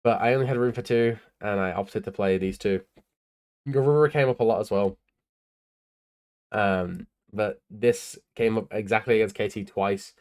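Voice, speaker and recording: A man's voice: fairly low pitch, normal speed, a little mellow. A tired young man casually talking through his tournament card deck in a laid-back, rambling way, with lots of ums and uhs. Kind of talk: casual deck profile talk.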